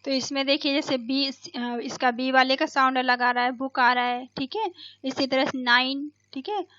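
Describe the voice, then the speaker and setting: Woman teacher, high voice, dry muffled sound, keeps repeating words slow for kids. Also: pushed and bright, dry recording. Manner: slow explanatory, repeats words, asks and answers own questions. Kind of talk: bilingual classroom lesson.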